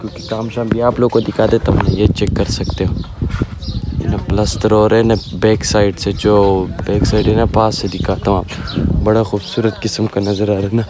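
A young man in his twenties, a vlogger, chats casually with his viewers while touring a house, a rooftop, and a village yard, tagging "na" onto his sentences as he points things out. His voice sits on the low side with little pitch movement and a moderate pace. He films on a phone held at arm's length, with outdoor noise and birds in the background.

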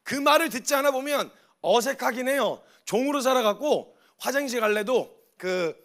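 A man preaching a sermon as a missionary, animated and acting out little dialogues as he goes. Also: extremely high pitch, normal speed. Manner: animated, acts out voices in dialogue.

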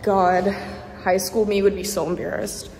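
A woman's voice: mid-range voice, flat delivery, unhurried, noisy background. A young woman in casual vlog narration, chatty and rambling, sounding tired and out of breath while filming herself around her dorm on a phone. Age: young adult. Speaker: vlogger. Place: dorm stairwell and rooms.

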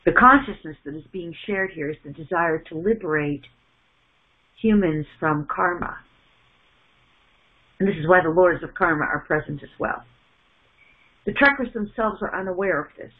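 A middle-aged woman delivers a channeled spiritual message in a halting, measured way, often restarting and repeating words, recorded at home on a wired earphone mic. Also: fairly low pitch. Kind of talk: channeled message in first person plural. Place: small indoor room at home. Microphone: wired earphone mic on a webcam call. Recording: phone-like narrow sound.

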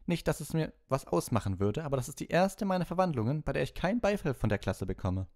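A man voicing a strict older female witch teacher in an audiobook, speaking crisply and sternly with dry sarcasm. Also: on the high side, sing-song, fast, darkish tone, dry recording, pitched above the performer's own voice. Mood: puzzled. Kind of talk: audiobook character voice.

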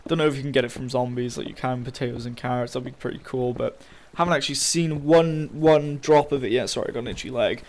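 A man's voice: mid-range voice, fairly even intonation, fast, few pauses, darkish tone. A young man giving casual, frustrated commentary while playing a game, swearing often and talking to his viewers. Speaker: gaming channel host.

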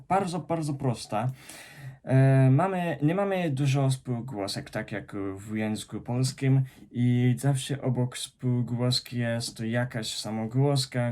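A young Japanese man with a Japanese accent speaks in a medium-pitched, slightly mellow voice in a casual vlog. He works through his words carefully, frequently pausing and starting over on difficult sounds.

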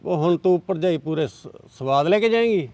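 A man playing a blunt, gruff village man. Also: on the high side, animated, moderate pace, mellow, dry recording. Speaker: brother-in-law. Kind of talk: village drama acting.

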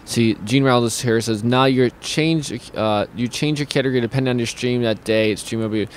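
A young man hosts a loose, casual chat in a small home studio, talking into a studio mic with headphones on. He rambles, restarts his sentences and fills the gaps with ums. His voice sits at a middle pitch, with a faint hiss of noise behind it. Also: normal speed. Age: young adult. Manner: rambling, many restarts and fillers, reads viewer comments aloud. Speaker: host of a streaming talk show. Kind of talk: casual video-call chat.

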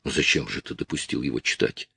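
A man's voice: low voice, very animated, moderate pace, creaky, dry recording, heavily acted. A man voicing a resolute Russian musketeer commander who speaks firmly. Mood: measured.

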